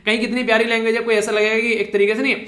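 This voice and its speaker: Fast-paced man teaching exam-prep current affairs, high bright voice, chatty with joking asides, roomy echo. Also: flat delivery. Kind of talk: exam-prep lecture in Hindi.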